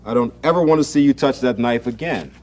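A man reading a children's story aloud and voicing a sharp, scolding mother. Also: mid-range voice, fast talker, lightly acted.

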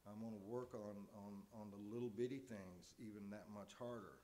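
A man from Tennessee preaches a plain, personal sermon in a somewhat low voice. He talks in halting bursts, repeating words and restarting his sentences. His tone is earnest and confessional. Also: fairly even intonation, dark tone, a little hiss or hum. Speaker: lay preacher. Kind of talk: informal sermon.

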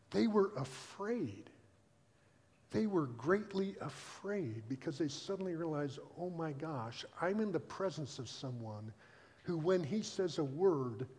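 High-voiced male pastor preaching. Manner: animated storytelling, acting out the scene in quotes. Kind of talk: sermon. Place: church sanctuary. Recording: long reverb of a church hall.

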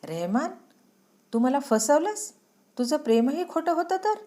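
Woman reader doing a betrayed young woman, loud and high, accusing. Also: big pitch swings, a little slow. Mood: furious.

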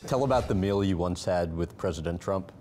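Young male interviewer, low voice. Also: brisk, warm tone, soft background music. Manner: direct, brief questions. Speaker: interviewer host. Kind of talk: interview questions. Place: bright living room, seated on a sofa.

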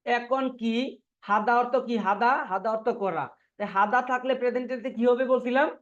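A man's voice: very high-pitched, fairly even intonation, fairly quick, fairly bright tone, dull audio. A man teaching a Korean language class online, drilling students by asking the same questions over and over and answering them himself. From Bangladesh.

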